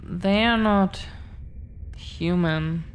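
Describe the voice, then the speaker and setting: Slight background noise sits behind this lowish female voice, which plays a loving, protective dragon-blooded girlfriend in intimate audio roleplay. Her delivery is earnest and solemn, broken by slow, deliberate pauses.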